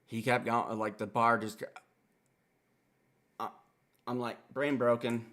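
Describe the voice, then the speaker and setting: A man with a lowish, gravelly voice reacts to a rap album as a reviewer. He talks casually and swears freely, digging into the lyrics with a self-described country boy's enthusiasm. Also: slow. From Wisconsin. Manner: animated, profane, self-styled country boy breaking down lyrics.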